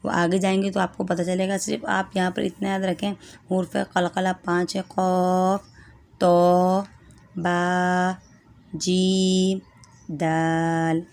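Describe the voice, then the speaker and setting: A woman's voice: mid-range voice, level tone, gravelly. A woman teaching a step-by-step Quran reading lesson, patiently sounding out letters one by one and often checking in with her students.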